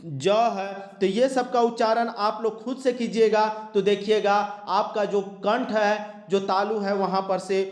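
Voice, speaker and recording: A man's voice: sits high, fairly even intonation, measured pace. A man teaching an exam-prep grammar lesson, explaining step by step, repeating terms and drawing out example sounds. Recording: echoey room.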